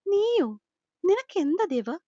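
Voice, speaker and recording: A woman's voice: extremely high pitch, big pitch swings, slow pace, dark tone, no room sound, pitched above the performer's own voice, heavily acted. A woman voicing a protective, hot-tempered young man, urgently scolding in an audio storybook. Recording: slightly dull lo-fi recording.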